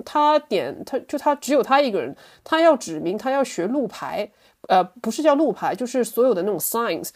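A woman chatting casually as an interview guest, telling anecdotes in an animated way. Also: mid-range voice. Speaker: podcast guest, language teacher.

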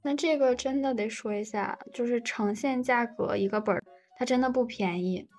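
A woman's voice: on the high side, normal speed, a little mellow. A young adult woman, chatting casually. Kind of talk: casual chat. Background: music.

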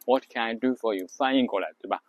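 A man hosting an English lesson podcast, explaining patiently and repeating example phrases slowly. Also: medium pitch, dull audio. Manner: drills English phrases aloud. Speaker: English teacher and podcast host. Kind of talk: spoken lesson on English rhythm.

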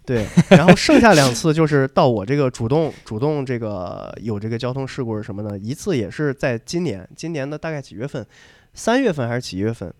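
A young man talks fast in a relaxed chat, spinning a story for his co-hosts. He slips into the voices of the people in it and often doubles back on his words. The sound is close and dry, with no room around him. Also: mid-range voice, no room sound. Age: young adult. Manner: lively anecdote telling, acting out dialogue, repeats words. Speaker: podcast co-host.

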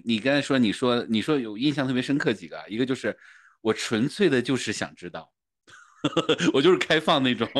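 A man's voice: medium pitch, fairly bright tone. A man, co-hosting a casual coaching talk and telling stories with frequent laughs. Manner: chatty storyteller, laughs often. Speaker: coach, podcast co-host. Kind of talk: casual conversation.

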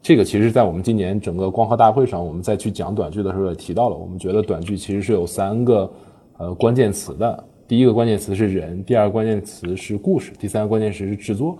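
A man with a low, dark voice and a husky edge speaks at a brisk clip. He is a guest on a podcast panel, explaining his platform's work on short dramas. His talk is full of fillers and quick self-corrections.

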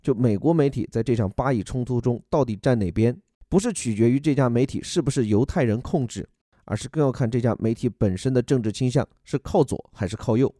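A man teaching how to read English news, patiently explaining each word and reading quotes slowly. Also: medium pitch, dark tone, dry recording, studio quality.

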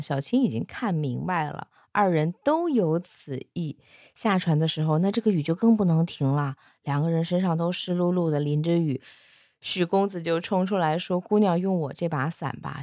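A woman retelling an old legend in a casual spoken style, lively, acting out the characters' lines by shifting her pitch. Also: normal speed, dry recording, clean studio sound. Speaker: storyteller.

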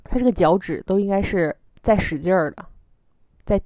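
A woman with a Northeastern Chinese accent chatting casually as a podcast co-host, telling stories in an animated, self-mocking way. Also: mid-range voice, normal speed, dry recording. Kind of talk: casual chat.

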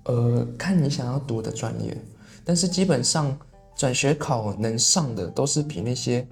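A young man from Taiwan with a Taiwanese Mandarin accent, co-hosting a podcast in relaxed, easygoing chat and often affirming with short agreements. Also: medium pitch, moderate pace, vocal fry, faint music behind. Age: young adult. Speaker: podcast co-host. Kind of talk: casual chat.

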